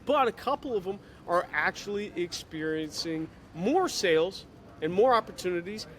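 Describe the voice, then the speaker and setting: An energetic man with a Chicago accent, his voice sitting a little high, talks fast and chatty as though on extra coffee. He is recorded on a phone or laptop camera in an airport terminal. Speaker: digital marketing consultant for auto dealers. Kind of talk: casual video update.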